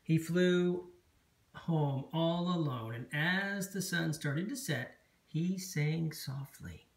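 A parent reading a picture book aloud at bedtime, slow and expressive. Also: medium pitch.

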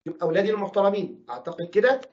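Man, Egyptian Arabic accent, physics teacher, rapid delivery, dull lo-fi sound. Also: high voice, big pitch swings. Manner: asks questions and answers them himself, voices imagined student objections. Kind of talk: recorded classroom lesson. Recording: dull lo-fi recording.

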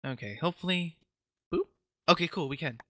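A man's voice: on the high side, expressive, a little fast, bright, forceful tone, no room sound, clean studio sound. A man co-hosting a casual co-op game session, teasing his partner and giggling while he crafts. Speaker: co-host gamer. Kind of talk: casual co-op gameplay chat.

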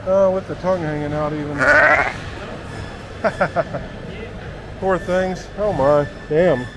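Man, travel vlogger, exclamatory, slow speech, busy market noise behind. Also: on the high side. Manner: exclamatory, marvels aloud. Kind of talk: casual walking-tour commentary. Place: indoor market hall.

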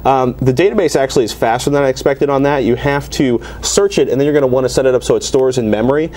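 An American man around forty, with a medium-pitched, slightly mellow voice, talks fast while hosting a tech show. He demonstrates a product casually and in a rambling, conversational way from a desk in a small TV studio, picked up on a lapel mic.

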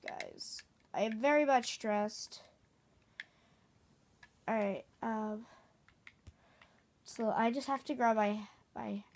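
A woman with a fairly high voice talks through her gameplay in an easygoing, unhurried way. She rambles and jokes as she goes. Faint keyboard typing clicks sit in the background. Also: darkish tone, slight background noise. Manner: chatty, rambling, playful. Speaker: gaming video host. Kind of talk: casual gameplay commentary.

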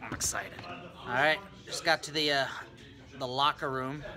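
A man in his thirties films himself on a phone held at arm's length and talks to it with jokey, self-mocking asides. His voice sits at an ordinary pitch, loose and conversational. Music plays clearly underneath him. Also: steady tone, unhurried. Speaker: vlogger and wrestler. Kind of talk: casual travel vlog. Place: outdoors, hotel, venue and locker room. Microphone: phone camera at arm's length.

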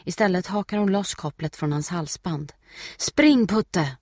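A man reading a novel aloud as an audiobook narrator, in a steady, measured way. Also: high voice, no room sound, studio quality.

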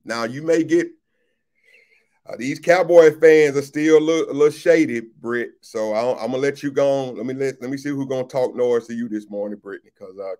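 A pastor hosts a relaxed livestream chat, reading viewer comments aloud, greeting people by name and often repeating his phrases. His voice is medium-pitched and a little mellow.

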